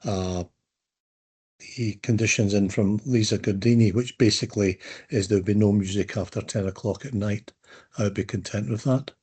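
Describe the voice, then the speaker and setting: A man, a board member, speaking slowly and deliberately in a meeting. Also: lowish voice, darkish tone, breathy edge.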